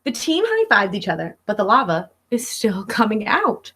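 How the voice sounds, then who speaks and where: With a sing-song, slightly bright, breathy voice at medium pitch, a teacher in her thirties reads a picture book at normal speed. She talks directly to children in an expressive, instructive way from her living room at home.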